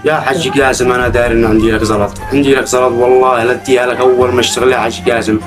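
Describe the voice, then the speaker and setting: A man's voice: mid-range voice, flat delivery, rapid-fire, close to an everyday voice. A young actor with a Yemeni accent playing a poor man who swears oaths as he pleads over the money he owes. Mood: pleading. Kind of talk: web drama acting. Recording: loud music under the dialogue.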